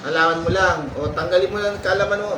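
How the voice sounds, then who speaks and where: A man's voice: sits high, fairly even intonation, fast talker. A man working as a folk healer, chanting murmured prayers and firmly questioning a patient over and over during a healing ritual. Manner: commanding, repetitive interrogation, murmured incantations. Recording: roomy sound from far off, faint noise.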